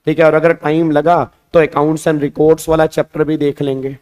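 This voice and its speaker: Guy teacher, voice kinda high and hoarse, chill chatty online class vibe. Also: moderate pace. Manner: chatty, colloquial, speaks calmly. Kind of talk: casual online lecture.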